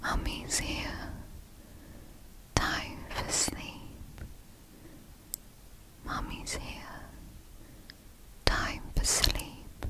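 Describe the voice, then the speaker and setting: A woman's voice: bright, forceful tone, poor audio. A woman playing a tender, motherly girlfriend in a whispered role-play, speaking in an intimate, soothing whisper for sleep ASMR.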